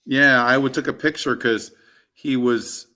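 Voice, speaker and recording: A man's voice: medium pitch, fairly even intonation, a little slow, pushed and bright. A man chatting casually as co-host of a round table on collecting, rambling with many ums and asides. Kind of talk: casual chat.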